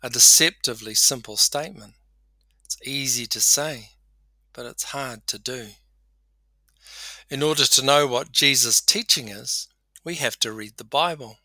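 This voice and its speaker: A man preaching a podcast sermon with measured storytelling. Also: mid-range voice, bright, forceful tone, dry recording.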